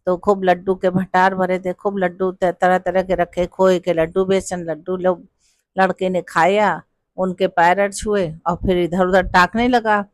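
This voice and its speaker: A storyteller tells a devotional folk tale in a homely, rustic manner, sprinkling in village dialect words. The pitch sits in the middle range. The recording is close and dry, with no room sound. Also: little pitch movement, unhurried, no room sound.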